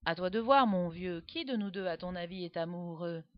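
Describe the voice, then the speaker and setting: A woman's voice: fairly low pitch, normal speed, natural voice. A woman voicing a cheerful, laid-back boy with a dreamy musical streak, in a dull, dry recording. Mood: teasing.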